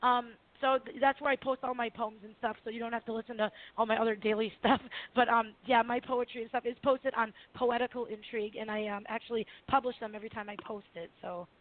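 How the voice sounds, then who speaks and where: A woman's voice: on the high side, fairly even intonation, fast talker, hardly any pauses. Giggly woman caller on a tinny phone line. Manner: giggly, hesitant between readings. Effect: tinny phone-line sound of a call-in caller. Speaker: radio show caller. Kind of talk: reading her own poetry on air.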